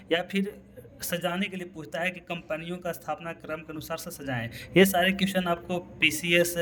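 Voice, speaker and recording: A man's voice: on the high side, a bit bright, slight background noise. A man teaching an exam-prep history lesson. He keeps asking "है ना" and chuckles at his own memory tricks. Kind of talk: lecture.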